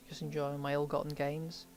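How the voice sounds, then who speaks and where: A man giving casual let's play commentary, rambling and thinking aloud as he plays a game. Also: fairly high pitch. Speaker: game streamer.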